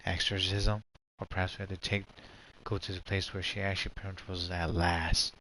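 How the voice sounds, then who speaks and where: A man's voice: low voice, flat delivery, normal speed, sharp tone, slight background noise. A man giving casual, rambling, slangy live commentary as a game streamer. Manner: rambling, slangy, repeats "pretty much".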